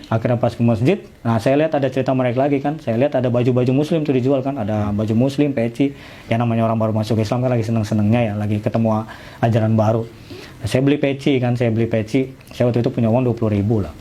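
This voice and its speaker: Fast-talking man. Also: medium pitch, steady tone, mellow, a little hiss or hum. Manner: informal storytelling, acting out dialogue. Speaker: convert telling his story. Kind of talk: casual personal testimony.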